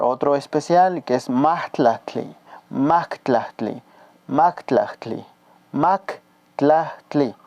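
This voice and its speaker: A man's voice: a little high, warm tone, clean tone, no room sound, highs cut off. Patient Mexican man teaching numbers. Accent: Mexican Spanish. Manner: patient, repeats words slowly for learners. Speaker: language teacher. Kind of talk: casual spoken lesson.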